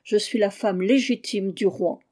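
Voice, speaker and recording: A woman voicing a proud, defiant middle-aged queen, with loud and vehement declarations. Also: medium pitch, measured pace, lightly acted.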